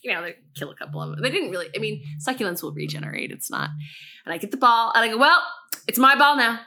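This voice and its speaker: A woman chatting casually, telling a story in an animated way, acting out quotes and laughing often. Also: mid-range voice, racing, vocal fry.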